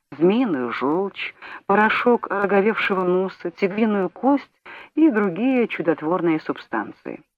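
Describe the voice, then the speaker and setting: A woman narrating an audiobook in a measured, even reading voice. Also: lowish voice, dry recording. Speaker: audiobook reader. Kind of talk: scripted narration. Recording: dull lo-fi audiobook recording, dry.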